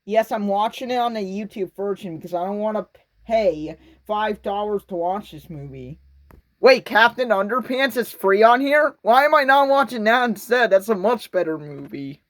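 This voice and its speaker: A man's voice: sits high, lively intonation, moderate pace, fairly bright tone, dry recording. A young man giving casual, sarcastic commentary on a horror movie, rambling and mocking as he watches. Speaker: reaction video host.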